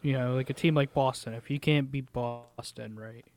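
A man's voice: medium pitch, steady tone, moderate pace, darkish tone. A young man co-hosting a sports podcast, speaking casually and emphatically, often repeating words as he thinks. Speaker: podcast co-host.

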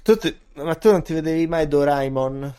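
Guy on a podcast, voice a bit on the high side, jokey chat, says stuff twice. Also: normal speed, dark tone, clear, resonant tone. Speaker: podcast co-host. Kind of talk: casual chat.

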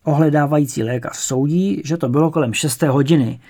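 A man's voice: a little high, mellow. A man doing a nervous, ceremonious police sergeant. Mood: earnest. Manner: ceremonious, earnest warning. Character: nervous but formal male police sergeant.

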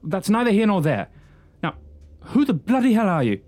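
A man's voice: sits high, very animated, normal speed, a little mellow. A man playing a polite, flustered young detective's assistant who also narrates the comedy audio drama. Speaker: narrator and character.

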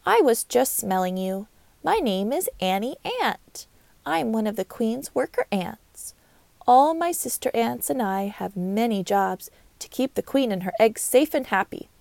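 Busy friendly ant lady, a woman putting her on, bold and lively, dry close mic. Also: on the high side, vocal fry, dry recording. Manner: brisk and loud, matter-of-fact. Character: strong, proud female worker ant, busy and friendly.

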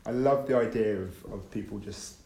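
A man answering interview questions, hesitant and quick to laugh. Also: on the low side, dark tone. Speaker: interview guest, business owner. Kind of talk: casual interview. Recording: roomy with faint background noise.

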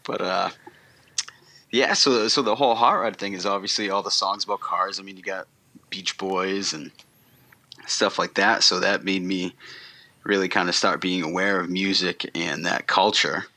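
A man guesting on a podcast, talking in a relaxed, rambling way with many ums and restarts. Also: sits low, normal speed. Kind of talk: casual interview chat.

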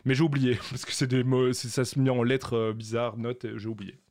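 A man's voice: mid-range voice, flat delivery, brisk, a little mellow. A man co-hosting a podcast in a casual, jokey, rambling way. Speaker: podcast co-host.

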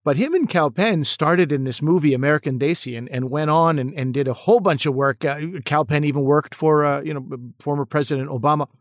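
A male actor and comedian answers interview questions in a reflective way. His voice sits a bit high, and he often stumbles and repeats words as he thinks aloud. The sound is close and dry. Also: a little fast, few pauses, no room sound.

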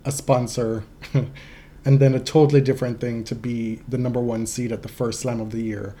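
A man with a soft-edged, warm voice sits in the middle of the pitch range. He speaks as a podcast co-host, commenting on sports in a casual, conversational way. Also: flat delivery, normal speed, slight background noise.

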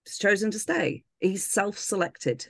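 Female co-host. Creaky mid-pitched voice, informal emphatic chat, very dry sound. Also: animated, measured pace, no echo. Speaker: podcast co-host. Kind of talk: casual podcast chat.

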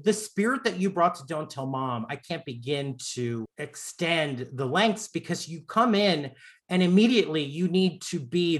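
Campy, effusive and full of jokes, this interviewer, a roughly forty-year-old Southern man born in Long Island and raised in Florida, hosts a laid-back celebrity chat. His voice is high and sharp in tone.

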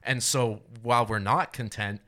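A man's voice: mid-range voice, steady tone, moderate pace, sharp tone. A man in his twenties talking politics on a casual podcast, rambling and swearing, laughing often and restarting his sentences. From United States. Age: 20s. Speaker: podcast co-host.

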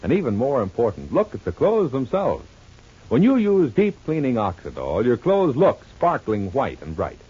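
Old-time radio announcer man, husky and lively. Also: mid-range voice, normal speed. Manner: eager, salesman-like delivery. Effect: old radio broadcast sound. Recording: muffled old radio transcription with music.

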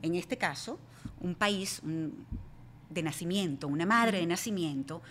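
A woman's voice: fairly low pitch, lively intonation, unhurried, a bit bright. Venezuelan woman, podcast guest, chatty storyteller, faint noise behind. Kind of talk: casual chat.

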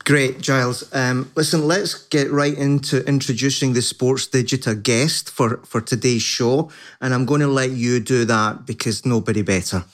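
Guy podcast co-host, medium pitch, chatty but halting, thinking it through. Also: steady tone. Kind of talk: conversational podcast talk.

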